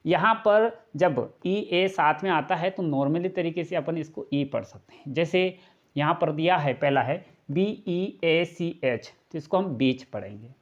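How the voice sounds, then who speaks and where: Here a man with a somewhat high voice teaches English pronunciation at a measured pace over dull-sounding audio. It's a classroom-style video lesson where he explains patiently step by step, going over each point again and asking rhetorical questions.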